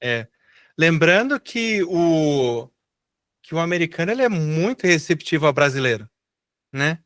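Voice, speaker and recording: A man's voice: on the high side, big pitch swings, a little slow, a bit bright, clean studio sound. A middle-aged Brazilian man teaching English in a live online class, patiently explaining and repeating words for students to echo.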